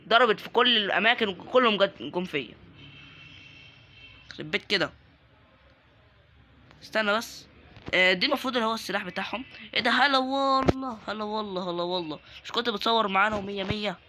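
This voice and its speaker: A young man with an Egyptian Arabic accent commentating his game, excitable and joking as he taunts other players. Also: high voice. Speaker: gaming YouTuber. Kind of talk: live Roblox gameplay commentary.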